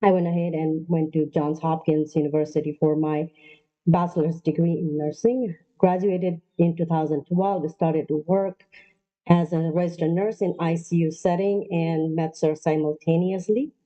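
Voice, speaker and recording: Soft-spoken woman lecturer on a dull call. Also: sits low, fairly even intonation. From Nepal. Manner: halting, many ums and uhs. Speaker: guest lecturer, nurse practitioner. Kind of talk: online conference lecture. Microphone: video call.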